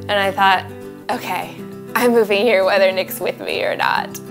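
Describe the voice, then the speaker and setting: A woman in her twenties, a food blogger giving an interview in her home kitchen, talking in a bubbly, animated way. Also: medium pitch, moderate pace, gravelly, over music. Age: 20s. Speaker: food blogger and cookbook author.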